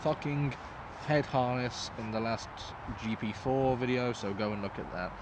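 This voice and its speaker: A man's voice: mid-range voice, normal speed, background noise. A man giving a casual, informal product review as the host, talking in a loose, sweary way. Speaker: host reviewing gas masks.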